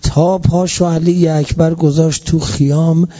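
A man with a voice on the high side and a level tone delivers an emotional mourning sermon, captured on a dull lo-fi recording. He is impassioned and repetitive, his voice swelling and sinking in loudness as he repeats phrases.

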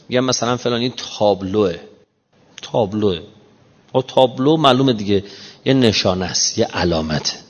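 A man giving an emphatic sermon in casual everyday speech, slowing down to recite scripture. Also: mid-range voice. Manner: emphatic, quotes scripture in slow measured recitation; colloquial, explains modern slang. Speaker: preacher. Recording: muffled reverberant hall recording.

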